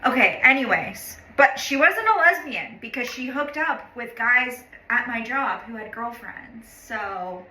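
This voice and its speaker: A woman's voice: a little high, expressive, unhurried, hardly any pauses, sharp tone. A woman telling a personal story in a chatty, casual way, full of "like" and swearing, blunt and exasperated about people. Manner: chatty, heavy use of "like", frequent swearing; blunt and exasperated when describing others. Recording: roomy echo.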